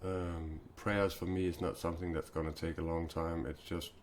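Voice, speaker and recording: A Danish man in his forties hosting a spiritual live stream, talking haltingly with many fillers and restarts. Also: deep voice, little pitch movement, darkish tone, slight background noise. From Denmark.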